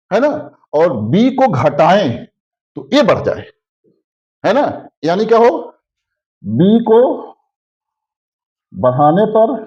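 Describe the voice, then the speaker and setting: A man with a Hindi accent teaches a classroom physics lesson in a high, animated voice that swoops up and down. He keeps checking with his students and drags out key terms slowly. The audio is slightly dull and lo-fi. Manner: repetitive, constantly asks "है ना?" checking understanding; slows down to spell out key terms.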